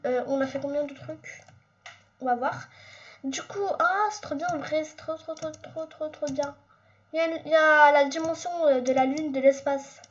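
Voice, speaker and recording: A young woman chatting excitedly over her own gameplay, with sudden squeals and lots of chatter. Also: high-pitched, dull audio. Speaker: gaming YouTuber. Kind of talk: casual gameplay commentary.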